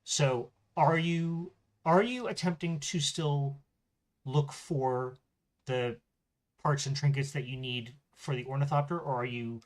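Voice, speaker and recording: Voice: medium pitch, measured pace. A game master running a tabletop game and hosting the show, talking casually with filler words.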